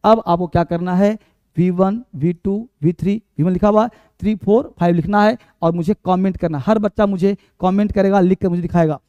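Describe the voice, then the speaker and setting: A man teaching English to Hindi speakers, drilling verb forms and pronunciation with energetic, coaxing repetition. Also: high voice, a little fast, no echo, dull audio.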